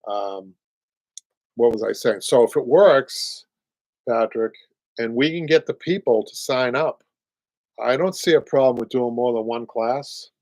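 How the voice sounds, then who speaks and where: A man's voice: mid-range voice, a little mellow, no echo, poor audio. An older man with a Boston accent, hosting a casual live show and chatting while he reads out viewer comments. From Boston area, USA. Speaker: host, upholsterer. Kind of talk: casual live-stream chat.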